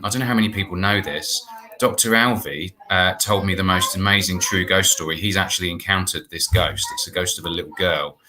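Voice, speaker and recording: A man in his forties, an artistic director and playwright, joins a video call as a guest from an indoor room at home and informally explains a project. His voice sits low and sounds pushed and bright, with a little hiss or hum in the audio.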